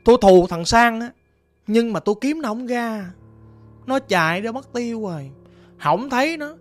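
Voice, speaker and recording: A vengeful young ghost, voiced by a woman narrator speaks in a Southern Vietnamese accent, plaintive and rambling as she repeats her grievances. Her voice sits a little high, with soft music drifting behind the storytelling. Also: lively intonation, normal speed, close to an everyday voice. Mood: bitter.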